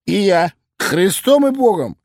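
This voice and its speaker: A man's voice: high-pitched, big pitch swings, a little slow, a little mellow, no room sound, clean studio sound, pitched above the performer's own voice, full character voice. A man voicing drunk, cowering petty male crooks who plead in raised, slurred voices in an audiobook.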